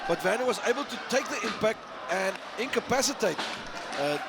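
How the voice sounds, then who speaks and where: High-pitched male wrestling commentator. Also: lively intonation, fairly quick, creaky, very noisy. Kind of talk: excitable wrestling play-by-play commentary. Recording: loud crowd and music behind commentary.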